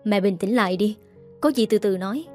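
A woman voicing a steady, protective young man who urges calm firmly. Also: mid-range voice, fairly quick, faint music behind, natural voice. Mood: urgent. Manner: firm, calm urging.

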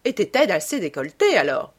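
A woman's voice: fairly low pitch, wildly swooping pitch, fast talker, husky, exaggerated voice. A woman voicing an elderly aristocratic hostess who is gossipy and teasing, reading an audiobook with exclamatory emphasis.

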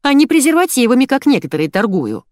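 Woman doing a creaky old mother-in-law, bossy and mocking, bouncy lively voice. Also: high-pitched, fast, dry recording, pitched above the performer's own voice. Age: older. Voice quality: creaky mezzo-soprano. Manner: barking, mocking. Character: older grumpy sharp-tongued mother-in-law. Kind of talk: audiobook character voice.

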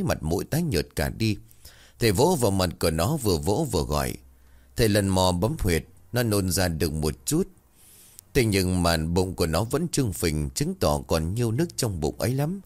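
Male storyteller, low register, animated delivery. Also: moderate pace. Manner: voices characters with lively shifts. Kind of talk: scripted narration of a folk ghost tale.

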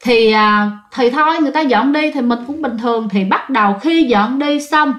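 Chatty Southern Vietnamese woman who tells ghost stories and talks to her listeners; fairly high voice, echoey room. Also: moderate pace, a bit bright. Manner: chatty, addresses listeners directly. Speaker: ghost story narrator. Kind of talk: casual spoken storytelling.

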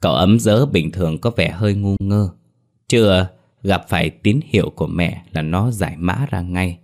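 A man narrating a ghost story in a steady, wry storytelling manner. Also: sits low, normal speed.

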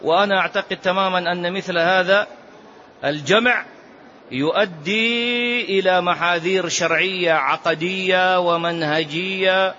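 A man's voice: high-pitched, unhurried, pushed and bright, slight background noise. A man teaching a religious lesson on prophetic biography, reciting narrations emphatically and repeating key phrases. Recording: dull lo-fi lecture recording.

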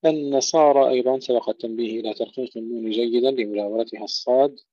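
A male Quran teacher with a dark, mellow voice explains recitation rules carefully, repeating each word to model its pronunciation. The recording is dull and muffled, with a dry, close sound. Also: mid-range voice, steady tone, racing, no room sound. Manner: precise, demonstrates pronunciation by repeating words. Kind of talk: tajweed lesson explanation.

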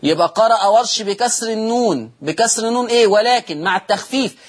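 A middle-aged Egyptian man teaching Quran recitation rules in a televised lesson. He asks questions, answers them himself, and stretches out the recited words slowly. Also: sits high, expressive. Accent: Egyptian Arabic.

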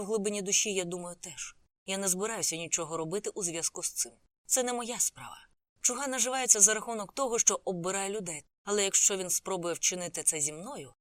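A woman's voice: mid-range voice, no echo. A woman narrating a novel as an audiobook, reading the characters' lines in her own voice.

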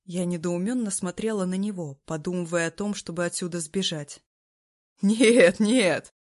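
A woman reading a first-person story aloud, narrating in a calm, even way. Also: lowish voice, fairly quick.

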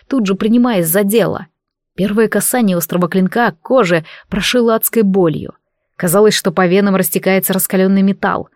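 A woman narrates a fantasy novel in the first person, reading in a steady, even manner. Her voice sits in a mid-range register. The recording is close and dry, with no room sound. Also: medium pitch, dry recording. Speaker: audiobook narrator.

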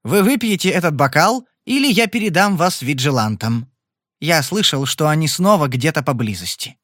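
A cocky young gambler with a smooth, mocking tongue, as a male narrator plays him. His voice sits a touch high for a man and sounds dry and close. He stays cool and sarcastic under threat in this storybook Western. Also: expressive, normal speed, fairly bright tone, no echo.

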